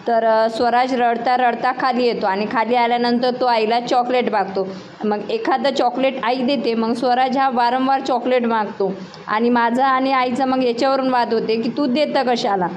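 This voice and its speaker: Young mom venting to her viewers, lots of rhetorical questions, a bit high-pitched, faint hum behind. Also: steady tone, normal speed. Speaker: mother and vlogger. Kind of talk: casual storytelling to camera.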